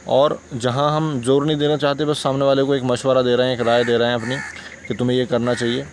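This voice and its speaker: A man's voice: mid-range voice, flat delivery, fast, a little hiss or hum. A man with a Hindustani accent teaching English grammar, patiently repeating examples and checking that listeners follow. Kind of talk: explaining grammar lesson.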